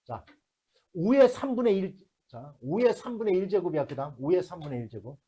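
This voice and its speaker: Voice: medium pitch, very animated, a little fast, warm tone, husky, highs cut off. A math teacher lecturing a classroom, working through problems step by step and constantly checking whether the students follow, mixing blunt casual talk with polite endings.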